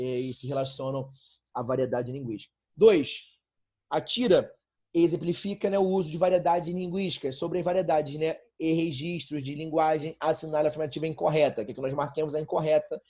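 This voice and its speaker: Male teacher, casual lecturing with constant check-ins, mellow tone. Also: on the high side, normal speed. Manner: chatty, filler-heavy, frequent rhetorical checks. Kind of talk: online class lecture.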